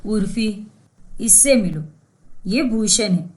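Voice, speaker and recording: A woman's voice: mid-range voice, lively intonation, takes it slowly, a little mellow. A woman voicing a friendly young husband in a cartoon story, speaking plainly.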